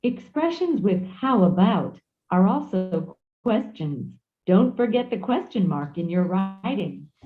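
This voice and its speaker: A woman reads scripted textbook narration in a clear, measured way, her pitch moving in a lively way. The audio sounds thin and tinny, like it is played back over a phone line.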